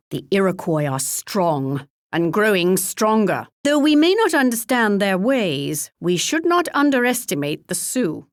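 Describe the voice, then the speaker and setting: A woman's voice: mid-range voice, dry recording, studio quality. An actress playing a regal, wry English queen in a video game, with a British accent and a pompous, formal, archly polite delivery. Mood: stately, wry. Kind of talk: theatrical video game character voice lines.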